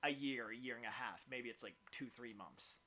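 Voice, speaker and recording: A man hosting a casual gaming podcast, rambling with lots of fillers and getting excited as he runs through news. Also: medium pitch, moderate pace, slight background noise. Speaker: podcast host. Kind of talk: casual chat.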